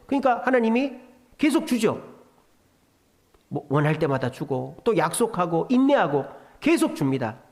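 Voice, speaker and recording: Lively high-pitched male preacher. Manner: animated preaching, acts out God's lines in a casual voice; drops to a whisper for emphasis. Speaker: pastor. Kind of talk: sermon.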